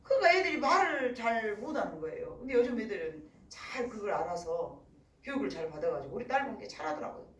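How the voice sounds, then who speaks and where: A middle-aged woman pastor giving a sermon in animated storytelling, often acting out other voices. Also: mid-range voice, fast, reverberant, recorded from a distance, slight background noise, poor audio. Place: church.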